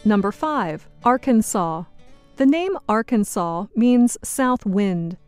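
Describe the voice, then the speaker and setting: A woman hosting a scripted educational program, enunciating each word carefully and slowly for learners. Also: medium pitch, expressive, darkish tone. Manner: clear, carefully enunciated learner-friendly delivery. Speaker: program host. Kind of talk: slow scripted educational narration. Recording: dry studio voice-over with faint music.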